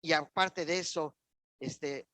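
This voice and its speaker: A pastor with a Mexican Spanish accent preaches a sermon in church, sharing his personal testimony emphatically and repetitively, addressing the congregation directly. His voice is fairly high, bright and forceful, and he speaks slowly, with no echo.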